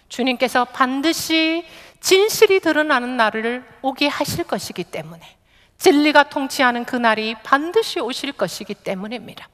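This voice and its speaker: Woman pastor preaching, kinda high voice, long church echo. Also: fairly bright tone. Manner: earnest preaching, voicing Jesus' words tenderly. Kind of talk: sermon. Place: large church sanctuary. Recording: long hall reverb from a church.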